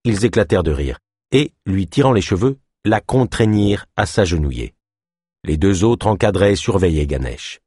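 A man reading a thriller novel aloud as narrator, expressive storytelling. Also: low voice, moderate pace, husky, dry recording, studio quality. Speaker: audiobook narrator. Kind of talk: scripted narration.

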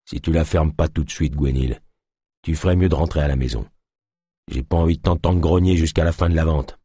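A man voicing a brutish, contemptuous man who talks in a gruff, dismissive way. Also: very deep voice, a little fast, dark tone, dry recording, clean studio sound, full character voice.

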